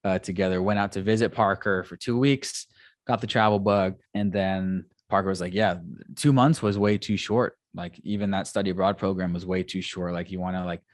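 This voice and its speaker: A man with a very low voice talks as an interview guest. He rambles with enthusiasm, leaning on "like" and "um" as he goes, and the sound is dry and close to the mic. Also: fairly even intonation, moderate pace, no room sound. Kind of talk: casual interview chat.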